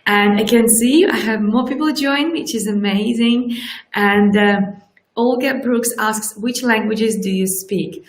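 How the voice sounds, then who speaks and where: A Russian-speaking woman in her forties, working as a life coach, gives a lively, animated live-streamed motivational talk, frequently checking in with "right?". Her voice is fairly high and a little slow. A desk-distance webcam picks her up in a small curtained room, so the audio is roomy and echoey.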